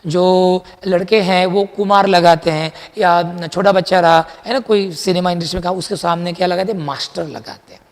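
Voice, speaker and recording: High-voiced chatty chemistry teacher. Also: male voice, moderate pace, hardly any pauses, long reverb tail. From India. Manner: lively, chatty, mixes Hindi with English terms, quizzes students. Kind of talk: classroom lecture.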